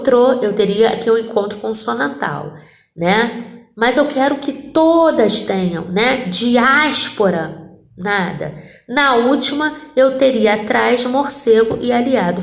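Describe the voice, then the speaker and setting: A woman's voice: on the high side, echoey room. A woman teacher goes through a grammar exercise, spelling out word endings and checking in with her students. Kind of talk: correcting a Portuguese grammar exercise.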